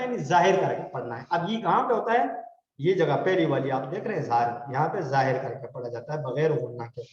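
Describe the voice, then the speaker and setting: A man teaching Quran recitation rules, slowly drawing out example words for students to repeat. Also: a little high, a little mellow. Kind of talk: tajweed lesson with call-and-response recitation. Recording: echoey hall, dull lo-fi sound.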